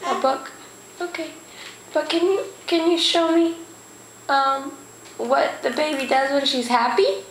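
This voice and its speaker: A woman quizzing her toddler in a home video, asking slow coaxing questions in a sing-song voice and praising her. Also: sits high. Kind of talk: home video baby talk. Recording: echoey room, faint noise.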